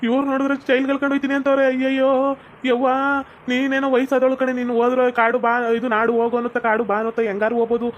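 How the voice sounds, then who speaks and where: A whiny, cowardly young village man, voiced by a woman, who begs and frets at a very fast clip. He talks with a slightly raised pitch, over faint room noise. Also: flat delivery, dull audio, natural voice. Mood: fretful. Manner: whiny, begging.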